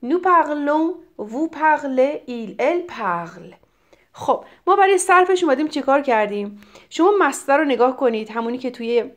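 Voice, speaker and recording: A middle-aged woman from Iran teaching French grammar, explaining in Persian and reading French examples slowly and clearly. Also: high voice. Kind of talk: grammar lesson.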